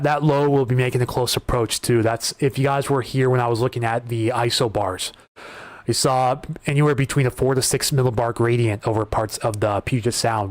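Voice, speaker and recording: Reading wind data and fielding viewer questions on his weather livestream, this host keeps it conversational, often repeating himself and starting over. His voice sits in a mid range and is getting hoarse; there's no echo.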